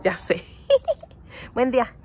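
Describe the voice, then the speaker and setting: A woman's voice: slow, heavy background noise. A woman in her forties with a Mexican Spanish accent, chatting informally to a phone camera held close for her vlog. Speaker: vlogger. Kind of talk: casual vlog chat to camera.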